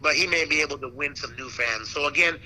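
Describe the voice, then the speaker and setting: A man speaks in a very bright, forceful voice that sits a little high. He is an interview guest chatting casually, with slangy, animated storytelling and the loose phrasing of someone talking shop. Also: fast talker, poor audio. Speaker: boxing ring announcer, interview guest. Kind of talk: casual chat.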